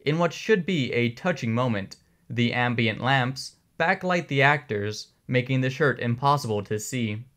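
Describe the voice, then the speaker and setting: A man narrates a documentary video essay with a script. He sounds even, dry and analytical, at a middle pitch. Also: unhurried.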